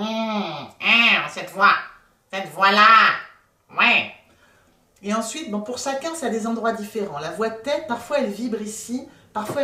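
A woman vocal coach giving a playful, demonstrative lesson, often laughing at herself and sliding between her voice registers. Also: a little high. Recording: roomy sound from a distant mic, faint music.

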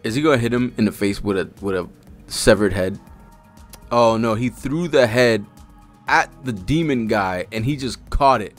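A man in his thirties streams manga reactions from a small indoor setup, speaking into a close desk-arm mic. His voice is fairly low and moderately paced, with faint music behind it. He reads panels aloud and reacts live, casual, slangy and profane.

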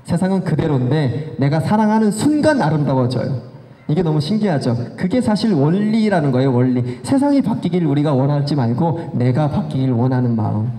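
A man's voice: a little high, fairly quick. A middle-aged man telling stories at a talk concert, acting out family members' lines as he goes. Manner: animated, acts out family quotes in changing voices. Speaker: guest speaker. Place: large hall with audience. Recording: echoey hall reverb.

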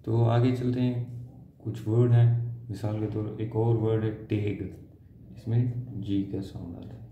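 A man teaching a shorthand lesson step by step, slow and patient, trailing off softly as he draws each symbol. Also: lowish voice, flat delivery, a little hiss or hum. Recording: dull lo-fi sound in an echoey room.

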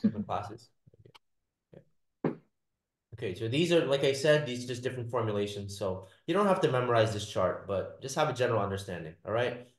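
A man's voice: mid-range voice, lively intonation, a little fast. Guy teaching a class, keeps saying all right, roomy echo. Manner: explains by repeating points and checks "all right?". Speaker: lecturer. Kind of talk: classroom lecture.

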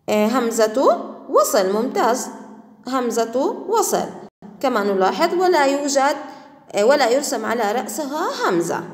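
A woman teacher with a lively, rising and falling voice leads a patient classroom grammar lesson. She sounds a little high, repeats words slowly and praises her pupils often. The recording is echoey, with a long reverb trailing behind her.

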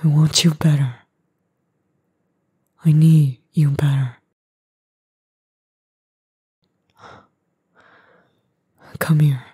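A woman voicing an edgy young boyfriend, gruff but tender and worried, in a breathy, husky, halting ASMR role-play. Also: sits low, steady tone, mellow, no echo, clean studio sound, exaggerated voice. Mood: apologetic, tender.

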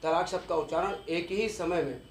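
A man's voice: high-pitched, a little fast, roomy sound, a little hiss or hum. A man giving an exam-focused law lecture, explaining step by step and repeating key terms, with English legal words mixed in.

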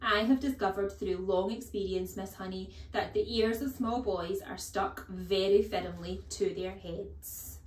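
A woman voicing a bullying, booming headmistress who barks her words slowly and with contempt, for an audiobook. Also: fairly even intonation, roomy sound, natural voice, poor audio. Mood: barking, scornful. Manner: loud, barking, slow and contemptuous. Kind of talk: audiobook character voice.

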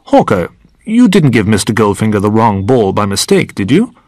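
A man playing a cool, unflappable agent in a storybook, speaking in a low, measured voice. The recording is dry and close. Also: no room sound. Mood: calm. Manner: calm, measured. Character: calm, cool male secret agent.

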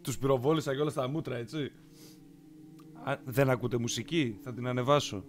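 Man, let's-play streamer, easygoing chatter, middle pitch, game guitar music behind. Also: fairly even intonation. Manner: reads game dialogue aloud in English, muttering asides. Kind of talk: casual let's-play commentary.

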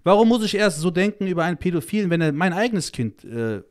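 Quick and high-pitched, with big swings up and down, a male child-protection activist holds forth as a guest on a podcast. He gets heated and emphatic in the casual talk, swearing freely, leaning on slang, being blunt and crude, and dropping "Alter" constantly.

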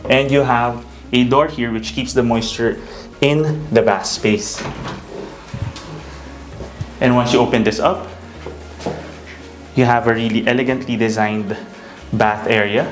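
A man's voice: medium pitch, steady tone, measured pace, pauses often, soft background music. A man in his thirties, a real estate broker, giving a polished walking house tour of a townhouse, pointing out features room by room. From Philippines. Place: bright empty townhouse rooms indoors.

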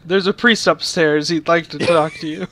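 A man's voice: fairly high pitch, steady tone, moderate pace, a bit bright. A man co-hosting a horror game let's-play, joking around and fretting about getting scared. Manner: jokey, nervous about scares. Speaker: co-host. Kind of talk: casual let's-play chat. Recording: faint background noise.

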